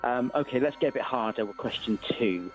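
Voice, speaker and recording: A man's voice: mid-range voice, fairly quick. A man with a Wiltshire accent chatting casually as a radio quiz guest, jovial and teasing. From Wiltshire, England. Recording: slightly dull radio audio, music underneath.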